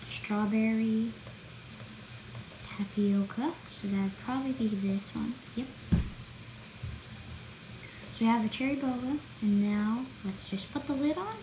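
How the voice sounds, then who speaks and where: A woman talking through a video game as she plays, chatty and excitable, narrating each step. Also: medium pitch. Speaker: gameplay vlogger. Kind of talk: gameplay commentary. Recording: roomy echo, faint background noise.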